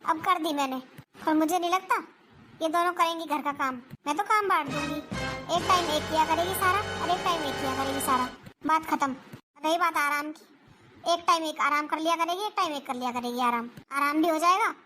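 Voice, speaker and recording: A high-voiced performer doing a grumbling mother-in-law. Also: fairly quick, music in the background, lightly acted. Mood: complaining. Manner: complaining, self-pitying scolding. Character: nagging older mother-in-law with aching knees. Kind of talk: family comedy skit.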